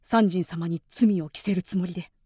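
A woman's voice: lowish voice, steady tone, normal speed, dark tone, breathy edge, dry recording, clean studio sound. A woman voicing an earnest young male samurai in a period audio drama, bold and declamatory. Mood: polite. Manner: bold, declamatory, turning polite to superiors.

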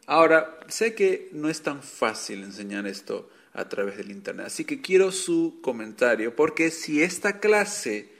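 A man's voice: fairly high pitch, big pitch swings, measured pace, vocal fry, hardly any pauses, fairly bright tone. A man teaching an online language lesson, patiently explaining rules step by step and repeating examples for his students. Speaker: English teacher.

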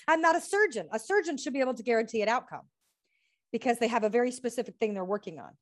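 Her voice sits on the high side and moves quickly and expressively. She's a US-based healing practitioner and author being interviewed, and she goes earnestly through lists of questions, laughing a lot along the way.

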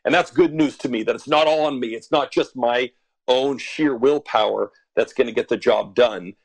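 Guesting on a podcast interview, an author in his forties from Alberta, Canada, comes across as thoughtful, frequently chuckling and using fillers. He has a medium pitch, normal speed and vocal fry, with no room sound in the recording.

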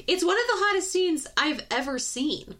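Bright, lively young woman gushing. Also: high-pitched, moderate pace. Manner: gushing, giggly, many "like" fillers. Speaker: podcast co-host. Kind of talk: casual chat.

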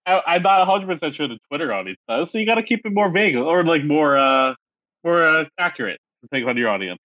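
Fast and animated, this man co-hosts a casual podcast in a fairly high voice, rambling loosely and filling his speech with fillers. The sound is phone-quality, with no room sound.

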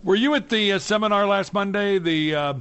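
A man's voice: sits high, a little fast, a bit bright, clear, resonant tone. An American man hosting live local talk radio, reading sponsor spots and chatting with guests.

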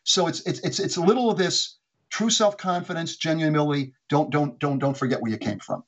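Fast-talking, husky-voiced male guest. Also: fairly high pitch, dull audio. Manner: quick, animated, frequent restarts. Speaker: guest, former executive. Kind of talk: anecdotal storytelling.

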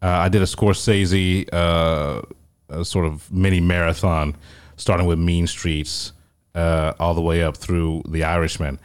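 Low-pitched guy, chatty film podcast co-host, swears a lot, rambles. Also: little pitch movement, unhurried, clean tone. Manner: profane, rambling, enthusiastic. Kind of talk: casual film chat.

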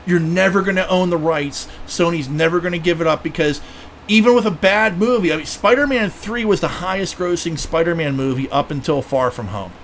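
A fairly high-voiced man hosting a podcast, rambling in an excitable way and swearing freely. He piles on "like" and "you know" as he talks, with faint ambient hiss underneath. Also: brisk. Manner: excitable, profane fan talk with many fillers. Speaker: podcast host. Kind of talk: casual chat.

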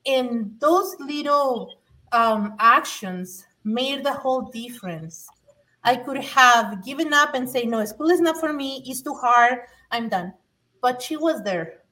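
A sharp-toned, slightly high voice belongs to a middle-aged Mexican woman giving earnest, emphatic personal testimony as a podcast guest and former adult learner. She often restarts sentences, repeating words, and the rough recording places her far from the mic.

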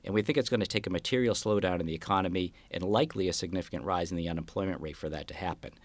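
A man giving analytical market outlook commentary in an interview, explaining his views in a measured way as a guest strategist. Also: sits low, dry recording.

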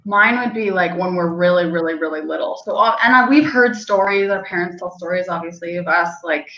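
This young Canadian woman works as a hunting guide and outfitter, and she tells stories in a casual interview, rambling along with lots of "like" and light laughter. Her voice is fairly low and sharp, and she talks fairly quickly. The recording is lo-fi and reverberant.

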